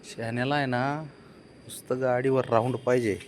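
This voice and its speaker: A man talking casually to his pet cat, coaxing, pleading and gently scolding it. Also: medium pitch, fairly even intonation, moderate pace, slight background noise. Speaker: pet owner.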